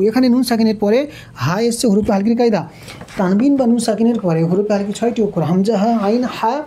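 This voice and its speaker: A woman's voice: mid-range voice, mellow, slightly rough. A woman teaching Quran recitation rules step by step, patiently repeating syllables and asking questions as she explains. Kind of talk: step-by-step tajweed lesson.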